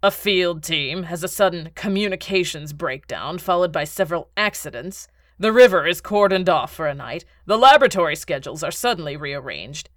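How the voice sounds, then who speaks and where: A woman voicing a scheming, contemptuous middle-aged male baron with a measured, condescending delivery. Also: a little high, animated, a bit bright, dry recording, clean studio sound. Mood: cold.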